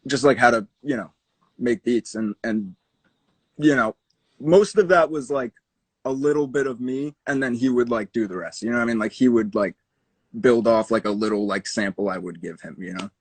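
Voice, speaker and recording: A man's voice: mid-range voice, normal speed, breathy edge. A young male music producer chatting casually, rambling with lots of fillers. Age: young adult. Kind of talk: casual chat.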